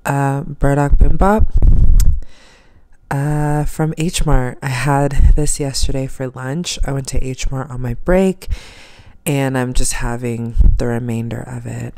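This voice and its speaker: A young woman vlogger with a stuffy nose and a rumbling low, darkish voice chats casually through her day, first in her apartment and then in her car. She talks to a handheld camera at arm's length, rambling and using lots of fillers.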